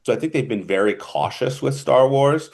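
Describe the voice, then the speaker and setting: A man's voice: mid-range voice, lively intonation, normal speed, a little mellow. A man with a New Jersey accent co-hosting a casual film review podcast, rambling in a stop-and-start way. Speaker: podcast co-host.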